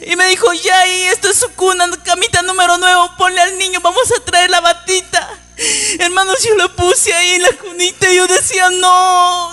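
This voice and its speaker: A woman's voice: very high-pitched, pushed and bright. A woman giving an emotional church testimony, tearful and pleading, often calling out to her listeners as brothers. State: crying at times.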